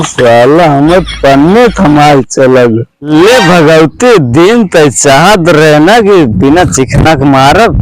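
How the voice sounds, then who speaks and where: Man playing a slow, rambling Awadhi village drunk. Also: fairly high pitch, noisy background. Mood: grumbling. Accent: Awadhi, eastern Uttar Pradesh. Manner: drunken, rambling, drawn-out town drunk talk. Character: swaggering, maudlin male village drunk, boastful and quarrelsome. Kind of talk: comedy sketch monologue.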